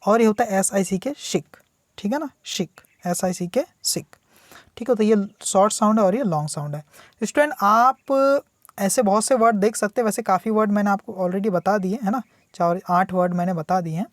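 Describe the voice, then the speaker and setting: A male teacher with a rather high voice explains English vocabulary to a student. He works patiently and repetitively, posing questions and answering them himself, and slows right down to read English examples. The sound is dry and close, with no room echo. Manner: speaks slowly when reading English examples aloud. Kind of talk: tutorial on English words, explained in Hindi.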